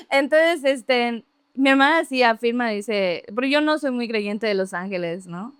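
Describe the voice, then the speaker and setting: Animated woman telling a story. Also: on the high side, unhurried, smooth, dry recording, clean studio sound. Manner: animated, laughing often, mimicking voices. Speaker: podcast guest. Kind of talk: casual storytelling.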